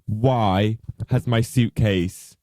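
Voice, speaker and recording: A man, a drag queen co-hosting a podcast, telling a story in casual chat with animated swearing and dramatic quoted voices. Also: fairly low pitch, drawn-out words, no room sound.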